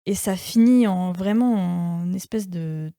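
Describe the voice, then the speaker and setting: Woman co-host, relaxed slangy talk, warm tone, dry room. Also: lowish voice, takes it slowly, no room sound. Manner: chatty, slangy, trailing off. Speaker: podcast co-host. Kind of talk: casual film discussion.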